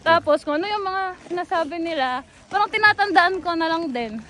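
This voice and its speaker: A woman's voice: extremely high pitch, animated, fairly quick, bright, forceful tone. A young woman from the Philippines, an employee on a company trip, chatting casually and protesting sheepishly outdoors at a tourist site. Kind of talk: casual chat.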